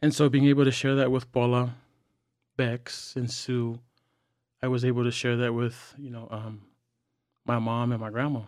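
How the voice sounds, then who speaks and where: Young man, podcast guest, earnest and halting, dry close mic. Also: mid-range voice, flat delivery, darkish tone, dry recording. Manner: earnest, halting with frequent fillers and restarts. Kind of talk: candid personal sharing.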